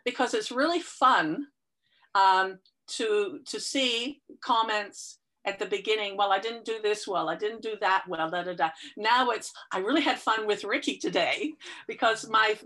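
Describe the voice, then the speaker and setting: Slightly congested from a cold, this fitness client speaks a little slowly in a bright, mid-range voice during a relaxed interview. She's talkative and eager, filling her stories with frequent fillers.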